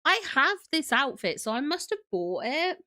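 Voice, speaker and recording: Bright, animated woman streamer with a cold. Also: sits high, moderate pace. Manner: gushing and chatty, greeting viewers, squealing with delight. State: sniffly from a cold. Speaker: livestream host. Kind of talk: casual livestream chat.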